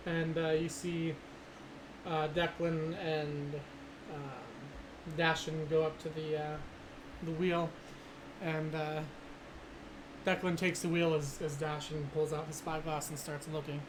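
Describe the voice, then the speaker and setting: A man's voice: fairly high pitch, little pitch movement, slow pace. A man narrating a tabletop game as game master, with a loose delivery full of fillers. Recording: noisy background.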